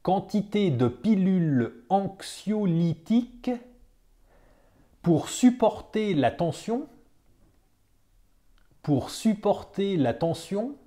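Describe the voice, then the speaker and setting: A teacher reading a dictation aloud, saying each phrase several times with careful, deliberate phrasing and calling out the punctuation. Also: medium pitch, animated, warm tone.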